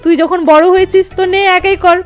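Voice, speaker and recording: Brief: a playful, teasing young woman in a storybook recap, read by a woman narrator, high, quick. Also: steady tone. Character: teasing, affectionate young bride-to-be.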